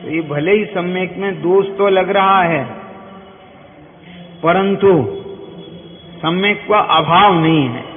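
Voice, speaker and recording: A man with a rather high voice gives an unhurried scripture discourse, pausing to quiz his listeners with short questions. The sound is thin and phone-like, with long hall reverb and faint hiss behind him. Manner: keeps asking listeners quick questions; explains by everyday examples. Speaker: Jain scripture teacher.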